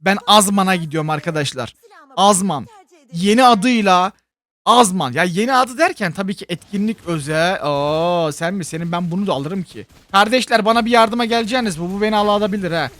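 A young man with a fairly high voice talks his way through a mobile game, chatty and excitable. He keeps up a running commentary and often breaks into repeated chants and cheers at the screen. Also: brisk. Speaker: gaming YouTuber. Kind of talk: live gameplay commentary.

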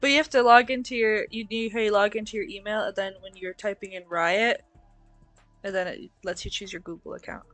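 A woman's voice: mid-range voice, steady tone, a little fast, a bit bright, dry recording, faint music behind. A woman chatting casually with a friend over a game, bubbly and helpful, laughing often. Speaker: friend and fellow player. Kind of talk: casual chat while gaming.

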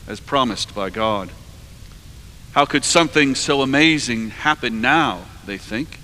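A man in his forties preaching a sermon from a cathedral lectern, measured and earnest, his phrases trailing off softly at the ends. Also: medium pitch, slight background noise. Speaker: priest preaching. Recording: long cathedral reverb.

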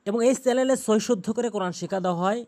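A man teaching Quran pronunciation, chanting each word slowly and drawn out, then explaining the sounds in plain speech. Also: high-pitched, a little mellow. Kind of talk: tutorial on Arabic pronunciation.

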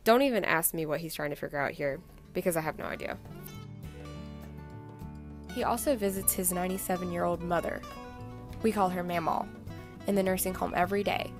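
A woman's voice: fairly low pitch, a little fast, pauses often. Young woman narrating over guitar music. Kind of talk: scripted narration.

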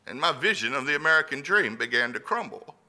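A man's voice: mid-range voice, animated, fast, bright, forceful tone. A middle-aged man from Louisiana, preaching an earnest sermon that moves from personal storytelling to emphatic appeals.

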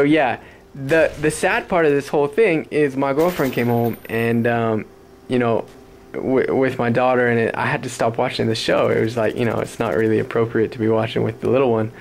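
A man talks over his game footage from his apartment, his voice hoarse and roughened with gravelly fry. He rambles off topic in a loose, profane way, laughing often. His pitch sits in an ordinary middle range. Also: a little hiss or hum. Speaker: gaming commentator. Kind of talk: casual game commentary. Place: apartment at home.

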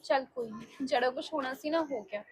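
An actress playing a scheming new wife who impatiently demands the first wife be thrown out. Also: female voice, sits high, fast talker, a little hiss or hum. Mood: demanding. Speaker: second wife.

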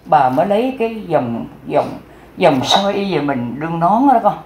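A man's voice: fairly high pitch, very animated, normal speed, darkish tone, echoey room, slight background noise. A man with a Southern Vietnamese accent giving a folksy, improvised storytelling sermon as a Buddhist teacher, repeating words and acting out the dialogue.

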